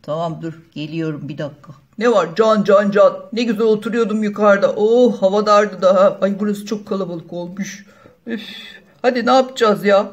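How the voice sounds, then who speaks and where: A woman's voice: mid-range voice, moderate pace, muffled recording, pitched below the performer's own voice, natural voice. A woman voicing a young boy doll who is casual and mildly annoyed, in a toy doll play video. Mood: grumbling. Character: young boy doll, easygoing, a bit grumpy.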